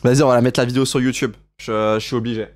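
A young man streamer commentating a tournament live, hyped and slangy, cheering and shouting at the big moments, heard through a gaming headset. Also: mid-range voice, flat delivery, racing.

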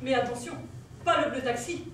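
A woman's voice: high voice, normal speed, noisy background, close to an everyday voice. An actress playing a prim, anxious, pious woman on an amateur stage, heard from far off in an echoey hall. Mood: fussy. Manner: prim, anxious, exclaims to saints. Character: pious, fussy woman who checks everything.

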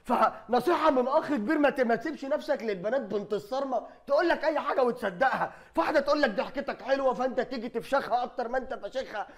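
A man with an Egyptian accent giving loud, sarcastic comedy commentary on clips, often laughing as he talks. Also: very high-pitched, racing, hardly any pauses. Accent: Egyptian Arabic.

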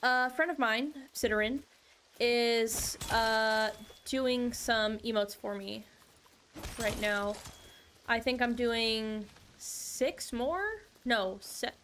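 A woman's voice: fairly high pitch, fairly even intonation, slow, fairly bright tone, a little hiss or hum. A young woman streaming a game, chatting casually with viewers in a bubbly, chatty way and laughing often. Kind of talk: casual live-stream chat.

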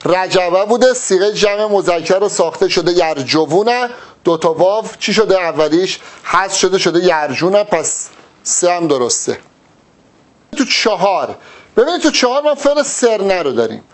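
Brief: male tutor, high voice, exam-prep lesson, walks through each step and quizzes himself aloud. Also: animated. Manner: asks rhetorical questions and answers them himself; explains step by step. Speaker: teacher.

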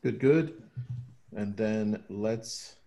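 A man's voice: fairly low pitch, very slow, creaky, warm tone. A man co-hosting a casual online webinar, upbeat and joking with his guests. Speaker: webinar co-host.

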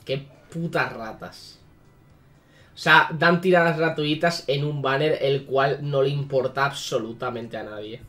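A man's voice: medium pitch, fairly even intonation, moderate pace, few pauses, bright, forceful tone, soft background music. A man giving casual, sarcastic commentary on a mobile game, swearing freely. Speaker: gaming YouTuber.

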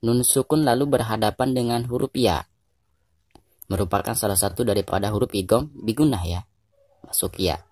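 An Indonesian man teaching Quran recitation rules, explaining patiently and repeating each point, then slowing down to chant drawn-out examples. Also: fairly low pitch, darkish tone, husky, no echo, studio quality. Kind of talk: tajwid lesson with recited examples.

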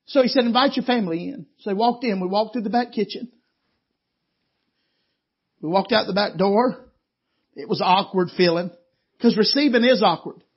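A man's voice: high voice, moderate pace, long pauses, slightly rough. A male preacher, telling a folksy story in a sermon. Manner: folksy, animated storytelling with laughs. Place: church meeting. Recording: dull lo-fi church audio.

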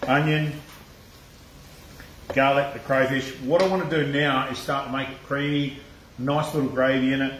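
A man's voice: mid-range voice, steady tone, moderate pace, long pauses, a bit bright, a little hiss or hum. An Australian man hosts a casual live cooking stream with a mid-range voice. His talk is loose and chatty, full of swearing and laughter. The sound bounces around an echoey room. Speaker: cooking channel host.

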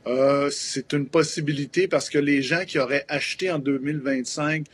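A man's voice: a little high, steady tone, normal speed, breathy edge. A man in his fifties with a Québécois French accent, a promoter explaining things in a hesitant live TV interview with many fillers, heard over a remote video link. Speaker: event promoter.

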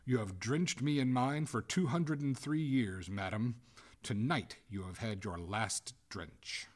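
A man voicing a courteous but coolly merciless young gentleman in a storybook, formal and firm in manner. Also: lowish voice, sing-song, measured pace. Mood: cold, gloating. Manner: formal, suavely polite, firm.

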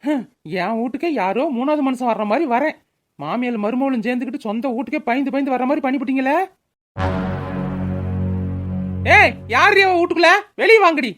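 A woman's voice: high voice, animated, quick pace, a bit bright, faint music behind, voice pushed down. Woman doing a drunken bellowing son. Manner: bellowing, taunting. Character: drunken grown son, loud, quarrelsome. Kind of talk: cartoon voice acting.

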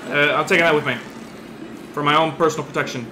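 A man does let's play commentary, excitable and jumpy, swearing often as he plays. His voice sits a touch high for a man. The sound is roomy, with steady background noise underneath. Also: fast talker. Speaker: gaming video host.

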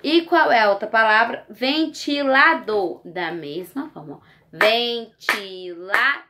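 A woman teacher, talking young children through a lesson in a slow, coaxing, sing-song way and checking in with them often. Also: fairly high pitch, animated, fairly bright tone. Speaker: primary school teacher.

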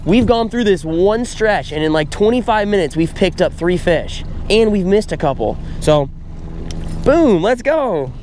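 A man's voice: high voice, sing-song, measured pace, darkish tone. Upbeat young man vlogging from a boat. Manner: upbeat, chatty, lots of fillers. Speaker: fishing vlogger. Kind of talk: casual vlog chat. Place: outdoors on a boat on a lake. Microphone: camera held at arm's length. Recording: outdoor boat noise behind.

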